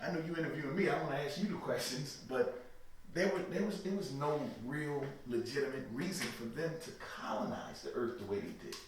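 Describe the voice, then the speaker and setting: Here a man with a mid-range voice talks fairly quickly as an interview guest. He speaks emphatically about religion in a preachy way, regularly checking "you know what I mean." Echo fills the room, the mic is far off, and there's mild noise.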